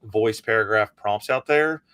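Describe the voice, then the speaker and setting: Halting man on a panel. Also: lowish voice, fairly bright tone, smooth, dry recording, clean studio sound. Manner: halting, restarts often, speaks quickly. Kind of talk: casual panel chat.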